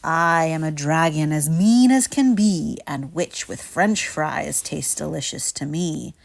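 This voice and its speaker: A woman's voice: low-pitched, animated, slow pace, gravelly, heavily acted. A woman voicing a mean, hungry male dragon in a children's storybook, with a menacing manner. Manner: menacing, then spluttering.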